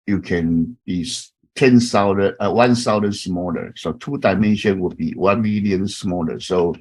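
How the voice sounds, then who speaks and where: A Taiwanese professor in his fifties introduces himself to an online class, his Taiwanese accent audible. His voice sits low and is slightly rough, and his speech is halting, full of fillers and restarts.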